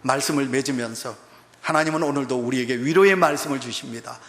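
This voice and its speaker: A man's voice: medium pitch, fast, a bit bright. A male pastor with a Gyeongsang Korean accent, preaching an emphatic, fervent sermon. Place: church sanctuary. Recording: echoey church hall.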